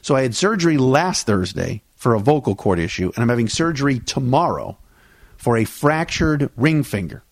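Still healing from vocal cord surgery, a podcast host in his 40s talks through his solo sports show in a very animated, mid-range voice. The sound is dry and close-miked with no room sound, and his conversational, easygoing delivery is full of "uh" fillers.

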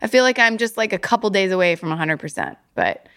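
A woman's voice: medium pitch, lively intonation, fast talker, fairly bright tone. Chatty woman co-hosting a podcast. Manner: chatty, laughs easily, frequent restarts. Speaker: podcast co-host. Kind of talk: casual chat.

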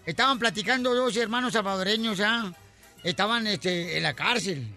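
A man hosting a radio show, loud and playfully teasing as he trades jokes. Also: sits high, moderate pace, soft background music. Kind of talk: joking radio banter.

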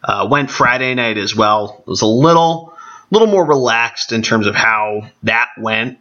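A man with a gravelly, allergy-congested voice talking casually on his own as a sports podcast host. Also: on the low side, sharp tone. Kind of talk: casual solo podcast talk. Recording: dull, band-limited podcast audio.

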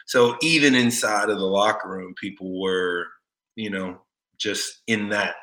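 A man's voice: fairly low pitch, measured pace, bright, forceful tone. A man in his forties from Texas, a former football player, guesting on a podcast in an easygoing, laughing way. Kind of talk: casual interview chat.

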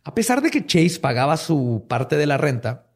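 In a casual storytelling chat, a Mexican Spanish-accented man hosting a podcast jokes around in slang and laughs a lot. His slightly high voice swings widely in pitch at a normal speed.

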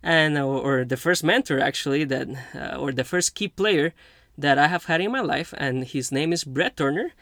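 A man in his twenties who grew up in Costa Rica, hosting a podcast interview in an earnest, halting way with many restarts. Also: on the high side, a bit bright, no echo, clean studio sound. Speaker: podcast host. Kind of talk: casual interview chat.

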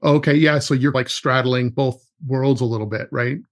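A man's voice: mid-range voice, steady tone, normal speed. A man hosting a podcast, interviewing a guest in an encouraging, affirming way. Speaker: podcast host. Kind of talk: casual interview.

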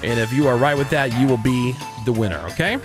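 A man's voice: medium pitch, quick pace. A man with an American accent hosting a morning radio show, bantering and running a phone-in contest. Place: radio studio. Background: music bed.

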